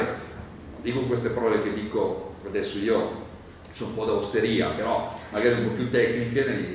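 A lower-voiced man, a priest, explains a Bible passage in a loose, chatty lecture, filling pauses with "eh" and checking whether his listeners follow. The sound is very echoey and picked up from well away from the mic, with faint background noise. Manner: conversational, digressive, many "eh" fillers, asks the audience questions. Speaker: priest teaching a Bible course. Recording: very echoey room, mic far off, light noise.

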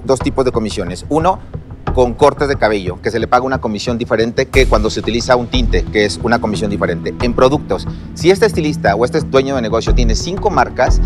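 A man with a Mexican Spanish accent pitching his business in a TV studio, earnest and explanatory. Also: a little fast. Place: large TV studio set. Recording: music bed under voice.

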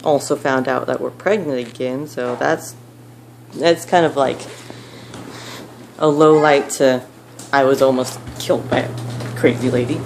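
A young woman telling a story to camera at home, rambling with lots of fillers and animated retellings. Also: a bass voice, measured pace, vocal fry, pauses often. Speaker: vlogger. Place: at home, child nearby. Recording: noisy home recording with clicks.

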